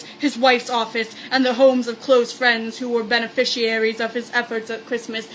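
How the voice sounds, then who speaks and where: A woman reads a story aloud in a sarcastic, mock-dramatic comic style, adding joking, mock-spooky asides. Her voice is fairly high and a bit bright, with slight background noise and poor audio quality.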